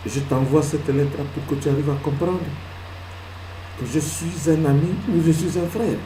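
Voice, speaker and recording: A male pastor preaching a sermon, swinging from loud emphatic peaks to hushed asides and answering his own questions. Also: a little high, normal speed, slight background noise. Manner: asks the congregation questions and answers them himself. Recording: echoey hall with faint ambience.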